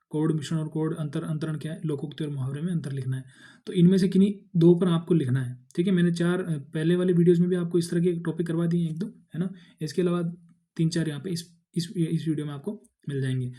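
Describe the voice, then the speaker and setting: Man tutor dark, mellow voice, fairly high, casual exam-prep lecture. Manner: explains in Hindi with English words mixed in, many fillers and restarts.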